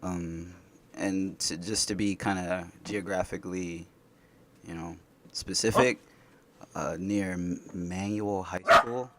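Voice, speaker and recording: A man's voice: deep voice, fairly even intonation, takes it slowly, noisy background. A man in his twenties from Indianapolis, a guest in a casual conversation, rambling loosely with many fillers. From Indianapolis, United States. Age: 20s.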